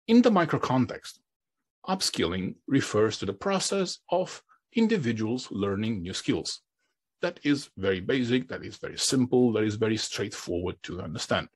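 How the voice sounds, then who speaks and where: Husky-voiced man giving a talk. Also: mid-range voice. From Romania. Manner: repeats words and restarts phrases often. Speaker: conference speaker. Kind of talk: conference presentation.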